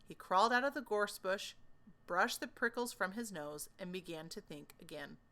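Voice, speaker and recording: A woman's voice: mid-range voice, expressive, normal speed, sharp tone. A woman storyteller reading a children's book aloud, expressively and with dramatic emphasis.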